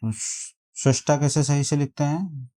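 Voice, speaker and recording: A man teaching a spelling lesson, reading out quiz options and repeating each word slowly to compare them. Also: a little high, fairly even intonation, dark tone. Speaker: exam prep teacher.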